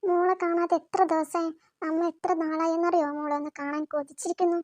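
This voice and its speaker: Woman voicing a doting cartoon mother, fussy and very high-pitched, dry close sound. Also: little pitch movement, fairly quick, darkish tone, no room sound. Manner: fussing, affectionate. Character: doting middle-aged mother. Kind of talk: cartoon voice acting.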